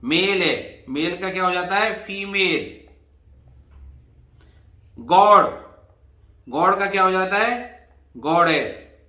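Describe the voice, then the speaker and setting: A man's voice: high voice, animated, slow pace, pauses often, pushed and bright, roomy sound. A man teaching an exam revision lesson, explaining patiently and spelling words out letter by letter. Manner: addresses students as "bhai".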